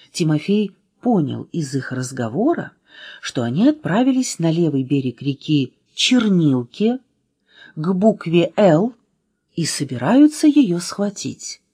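A woman reading a children's storybook aloud in an expressive way, changing voices for the figures. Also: measured pace, breathy edge. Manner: expressive, changing pitch for drama. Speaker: reader.

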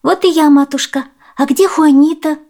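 A woman voicing a timid, obedient little peasant girl with a high, pleading voice. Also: normal speed, dark tone.

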